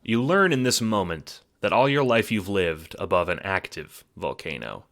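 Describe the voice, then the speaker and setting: A man whose voice sits low speaks in a sing-song way at a moderate pace, with a fairly bright tone. Over background music, this narrator and producer tells a scripted second-person story dramatically.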